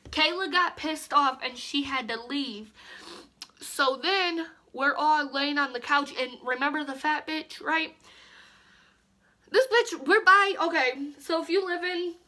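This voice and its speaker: Young woman, high bright voice, profane rambling storyteller, casual vlog on a phone mic. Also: measured pace. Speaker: vlogger.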